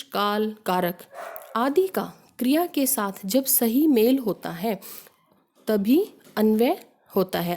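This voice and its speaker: A woman's voice: fairly high pitch, warm tone. A woman teacher explaining grammar step by step, working through examples and asking rhetorical questions. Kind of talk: Hindi grammar lesson.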